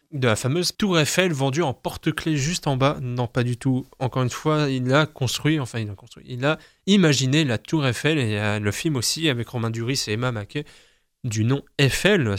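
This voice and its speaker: A man's voice: medium pitch, no room sound, clean studio sound. A young man hosting a casual reading of the day's almanac, chatty and self-mocking, often stumbling over his words. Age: young adult. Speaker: host.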